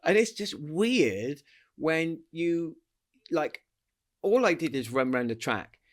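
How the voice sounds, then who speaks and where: A man from the UK, a former athlete, telling lively anecdotes in a casual interview, acting out the voices and laughing often. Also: fairly high pitch, slow. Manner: animated storyteller, acts out voices, laughs often. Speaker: guest athlete.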